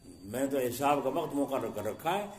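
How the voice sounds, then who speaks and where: A middle-aged man preaching an Islamic sermon, asking the congregation questions and acting out little scenes with sudden jumps in loudness. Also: mid-range voice, lively intonation, a little hiss or hum. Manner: rhetorical questions to the congregation, acts out scenes with sharp shifts in loudness.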